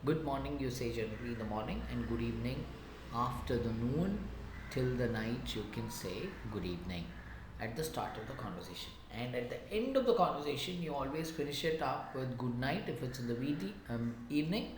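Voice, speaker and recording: A man teaching a spoken lesson, explaining slowly and deliberately with many examples. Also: mid-range voice, animated. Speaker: English teacher. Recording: echoey room with background noise.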